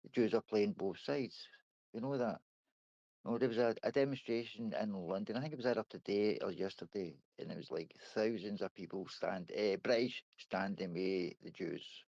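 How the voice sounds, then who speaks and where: A man's voice: on the low side, moderate pace, creaky, darkish tone, no room sound. A man hosting a casual group voice chat, blunt and coarse in how he talks. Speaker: voice chat panel host. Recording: dull, lo-fi dry mic.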